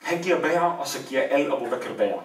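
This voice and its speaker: A man's voice: medium pitch, lively intonation. A man telling a religious story as a sermon, with emotional rises and falls in emphasis. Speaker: preacher. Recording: echoey room, voice from far off.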